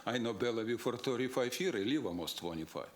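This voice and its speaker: A man with a mid-range voice talks fast and animatedly, delivering a combative public comment at a council meeting. His English is broken, since it isn't his first language, and he keeps firing off rhetorical questions.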